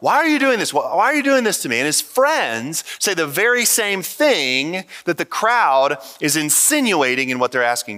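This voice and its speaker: A pastor preaching a sermon to his church in an earnest, conversational way, pausing often to talk straight to his listeners. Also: mid-range voice, pushed and bright, in a large hall. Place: church stage.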